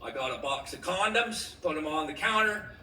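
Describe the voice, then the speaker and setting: Performing stand-up on a comedy club stage before a live audience, a middle-aged man tells stories with punchy delivery and acts out voices. His voice is a little high, expressive, pushed and bright, at a moderate pace. The echoey club is recorded from far off and sounds noisy.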